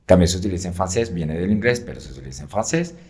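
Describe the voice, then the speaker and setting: A man's voice: deep voice, lively intonation, fast, a little mellow. A man who teaches French, explaining patiently in an interview, with frequent fillers and checks like "right?".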